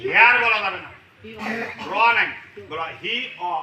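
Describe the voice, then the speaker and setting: A man teaching English in a large classroom, loudly leading call-and-response drills. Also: high voice, measured pace. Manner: loud, energetic, often shouting prompts to a class. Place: large classroom full of students. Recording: echoey classroom, distant mic, loud student chorus and noise.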